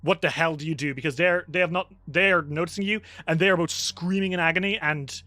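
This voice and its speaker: Bright-voiced male game master. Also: on the high side, brisk, no room sound. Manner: vivid, animated description. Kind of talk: narrating a tabletop game.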